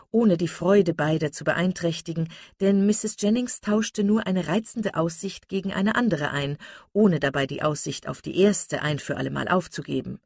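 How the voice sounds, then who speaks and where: A woman reading a novel aloud as audiobook narrator, in a steady, even way. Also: fairly low pitch, breathy edge, no echo, clean studio sound. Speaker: audiobook reader. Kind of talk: scripted narration.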